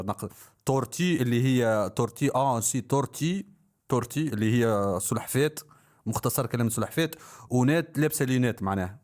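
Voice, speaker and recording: A man comments live on a rap song as a streamer. He talks in excitable, repetitive bursts and throws in mock-exasperated exclamations. His voice sits at an ordinary middle pitch.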